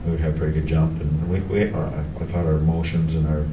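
A middle-aged man, a hockey coach, fields questions after a game in a very low voice that barely rises or falls. He stops and restarts his sentences and fills the gaps with "uh" and "you know". The sound is roomy and distant, with steady noise behind it. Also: muffled recording. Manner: halting, many restarts and fillers. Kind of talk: post-game press conference. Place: press room in front of a team backdrop. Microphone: table mic on a stand, heard from a camera farther off. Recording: echoey room, distant camera, background noise.

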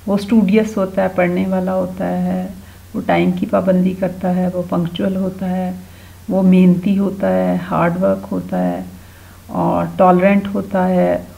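A woman's voice: lowish voice, creaky. A Pakistani woman with an Urdu accent teaching a simple grammar lesson to young children, patiently sounding out letters one by one. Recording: dull lo-fi home recording.

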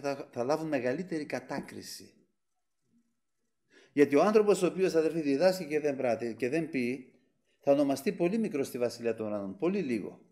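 A man's voice: on the high side, a little mellow. A man preaching a sermon with fervor, swelling on key phrases and often addressing the brethren. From Greece.

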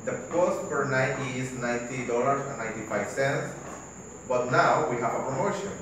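In a large indoor classroom, a student acts out a phone call as a courteous hotel receptionist, his medium-pitched delivery formal, scripted and only lightly acted. He keeps a moderate pace. The distant camera mic captures plenty of echo and room noise.

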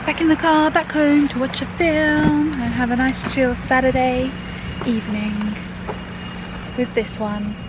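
A woman's voice: sits high, fairly even intonation, measured pace. A young woman, chatting cheerfully to camera in a casual vlog. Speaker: vlogger. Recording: home video with clear background noise.

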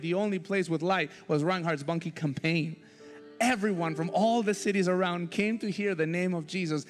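Guy pastor preaching hard, kinda high voice, big church echo, soft music under it. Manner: passionate, preaching with sudden loud and soft swings. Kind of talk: sermon. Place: church sanctuary. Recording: church hall reverb with soft music behind.

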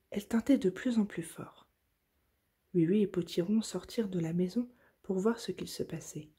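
A woman reading a children's story aloud in a soft, gentle voice, at times nearly whispering. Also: mid-range voice. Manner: soft, gentle and breathy, slow at tender moments.

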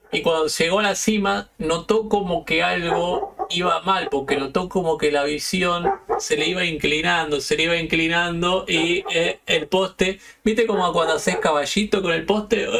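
A man's voice: fairly high pitch, vocal fry, bright, forceful tone, far from the mic. A man with an Argentine accent hosting a podcast, telling stories in a loose, slangy, profane chat. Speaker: podcast host. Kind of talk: casual storytelling chat.

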